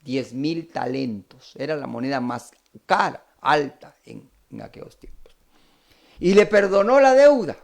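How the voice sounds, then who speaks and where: A man's voice: high-pitched, moderate pace, vocal fry. A man with a Costa Rican Spanish accent preaching a sermon, acting out the characters' pleas as he retells a parable. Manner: animated, acts out the characters' pleas.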